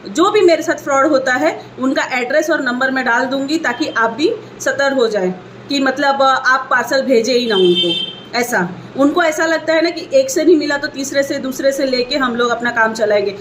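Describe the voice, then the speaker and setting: A young woman with a high, bright-pitched voice rants indignantly in a home vlog, filmed on a phone. She hammers the same complaints again and again with rising heat. A faint hum of room noise sits behind her. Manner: indignant, ranting, repeats points. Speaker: online seller and vlogger.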